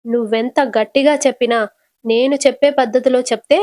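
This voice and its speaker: A woman's voice: on the high side, steady tone, brisk, mellow, no echo, clean studio sound, close to an everyday voice. A woman voicing a hot-tempered, protective young husband who speaks curtly and commandingly in a retold serial. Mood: angry.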